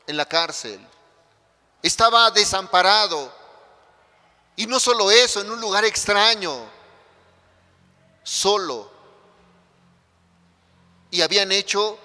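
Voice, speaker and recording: A man's voice: high-pitched, sharp tone. A man with a Mexican Spanish accent preaching a sermon as pastor, with emphatic rises and sudden drops. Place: church hall. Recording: long church hall reverb.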